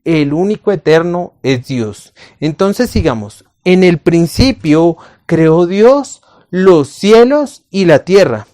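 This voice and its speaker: A man teaching a Bible lesson to camera, patient, calling the listener his friend and asking rhetorical questions, slowing on key phrases. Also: high voice, animated, dark tone.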